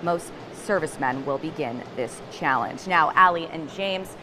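A woman's voice: low-pitched, normal speed. A young woman giving a live television news report from inside a large gym. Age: young adult. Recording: clear gym machine noise behind.

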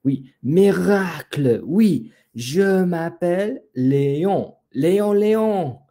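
A man voicing a proud, gentle male peacock in a children's story, speaking in a slow, sing-song way. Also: medium pitch, very animated. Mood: overjoyed.

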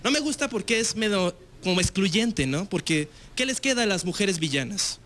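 Here a young man from Mexico, speaking with a Mexican accent, works a slangy, easygoing comedy set in a TV studio with an audience present. His fairly bright voice sits high, with lively intonation at a moderate pace. He keeps things loose, leaning often on filler tags.

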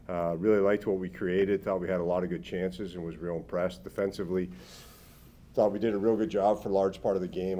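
A man's voice: low-pitched, warm tone. A middle-aged man, a hockey head coach, answering postgame questions in upbeat coaching phrases at a press table mic. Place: press room, seated at a table. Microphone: table microphone.

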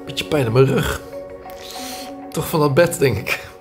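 A man's voice: medium pitch, measured pace, over music. A man in his thirties chatting casually and playfully in a home vlog, recorded indoors on a nearby camera. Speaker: vlogger. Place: living room at home, indoors.

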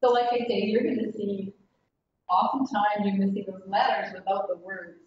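A woman instructor gives a relaxed class lecture, chatty and quick to laugh. She sounds distant from the mic in a very echoey room. The recording is dull and muffled. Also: medium pitch, a little hiss or hum.

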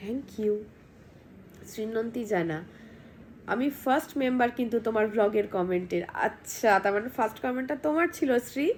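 A woman vlogger, hoarse from a cold, chatting casually at home and reading out viewer comments. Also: fairly high pitch, animated, moderate pace, a little hiss or hum. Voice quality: husky, gravelly.

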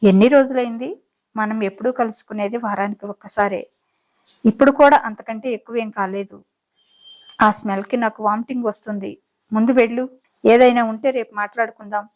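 A woman's voice: fairly high pitch, fairly even intonation, fairly quick, darkish tone, natural voice, low-quality recording. A woman voicing a fed-up, outspoken young woman in an audiobook story, speaking with irritation and seriousness. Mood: irritated. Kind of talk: dramatized audiobook reading.

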